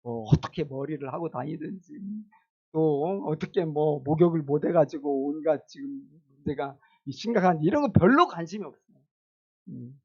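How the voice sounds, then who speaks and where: A man's voice: fairly high pitch, normal speed, creaky, a little mellow, slightly rough, highs cut off. A male pastor preaching a sermon in a casual, conversational way, asking the congregation questions and chuckling now and then.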